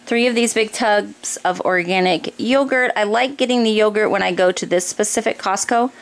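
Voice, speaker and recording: A mother who runs a family vlog, this American woman in her thirties has a medium-pitched voice and a moderate pace. She informally explains household items one at a time during a grocery haul. It's a noisy home recording with room ambience, made with a handheld camera close by in a kitchen or dining room.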